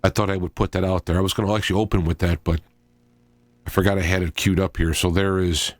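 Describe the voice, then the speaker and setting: On a solo talk radio show, a middle-aged man speaks informally and haltingly, wandering off on tangents as he thinks aloud. His low voice shows little pitch movement, and there's no room sound.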